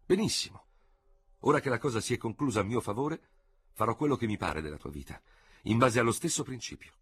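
A man's voice: medium pitch, expressive, a bit bright, slight background noise, voice pushed up, lightly acted. A man doing a cool, ironic general. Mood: stern. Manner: cold, measured, gravely mocking. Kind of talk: radio audiobook reading.

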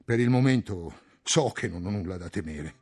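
Uomo che legge e fa un signore agitato e suscettibile, sbotta acuto, voce roca. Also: male voice, animated, normal speed, a little mellow, breathy edge. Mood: anxious. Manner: agitated, flares into shrill outbursts. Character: anxious, touchy middle-aged male rentier. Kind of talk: audiobook reading.

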